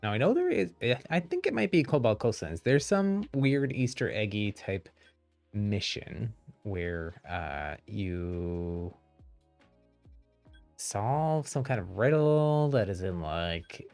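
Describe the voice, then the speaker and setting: Creaky, animated male streamer wearing a retainer. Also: on the low side, slow pace, faint music behind. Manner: rambling, thinking aloud. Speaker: game streamer. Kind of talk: casual live game commentary.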